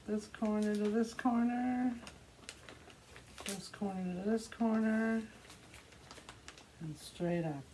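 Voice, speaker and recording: The host of this art tutorial speaks softly and mellowly at an average pitch, keeping a steady tone as she works through a hands-on craft project. She narrates her steps casually and without hurry, over clearly audible background noise.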